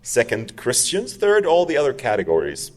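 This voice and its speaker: In a big room with faint music behind him, a Saudi public speaker in his 40s shares his personal story at a moderate pace. His mid-range voice swings hugely in pitch as he presses his points earnestly, repeating words for emphasis.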